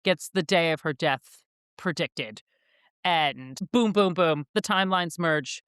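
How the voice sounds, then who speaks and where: A woman's voice: fairly low pitch, slow, a bit bright, clean tone, no echo, clean studio sound. A young woman co-hosting a book podcast, chatting casually and animatedly with lots of filler words. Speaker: podcast co-host.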